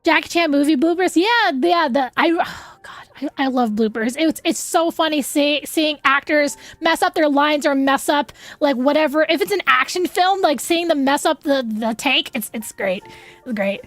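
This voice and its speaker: High-pitched, chatty young woman streaming. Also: moderate pace, no room sound. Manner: chatty, rambling, frequent fillers like "like"; effusive, excitable asides. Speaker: game livestream host.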